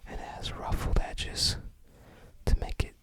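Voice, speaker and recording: Whispering breathily with no voice behind it, an ASMR host unboxes something, taking their time and rambling gently as they go.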